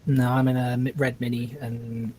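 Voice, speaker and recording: A man's voice: medium pitch, monotone, moderate pace, warm tone, slight background noise. A man improvising casually as a defense attorney in a role-play.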